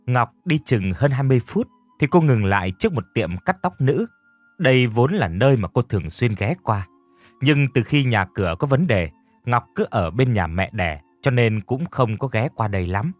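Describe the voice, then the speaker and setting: A man narrating an audio story in a steady, even reading voice. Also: mid-range voice, moderate pace, dry recording. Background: soft music.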